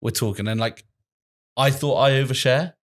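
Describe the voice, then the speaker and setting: In a casual podcast conversation, a young male co-host in his 20s wanders through a long story, cursing and laughing along the way. His voice sits in the mid range and moves at a normal speed.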